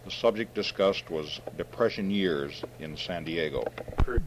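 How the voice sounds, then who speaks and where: A man interviewing an older person in a private home for an oral history, asking halting questions and clearing his throat, heard on old worn tape. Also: low-pitched, lively intonation. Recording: hissy old tape, roomy, mic far off.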